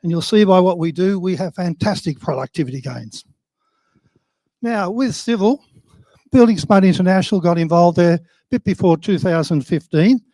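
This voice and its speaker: Speaking informally at a conference, an older Australian man comes across as plain-spoken, wryly self-deprecating and animated, moving at a moderate pace. His high-set voice has a soft, mellow tone. The dry, close recording carries very little sense of room.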